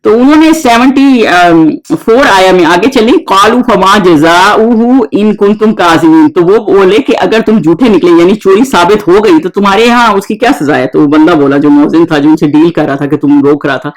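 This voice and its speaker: A man teaching a verse-by-verse Quran lesson. He reads the Arabic verses slowly, then explains them informally with many pauses. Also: high voice, rough recording.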